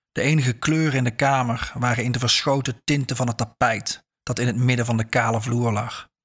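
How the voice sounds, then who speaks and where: A man calmly reading a story aloud as narrator. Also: mid-range voice. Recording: faint background music.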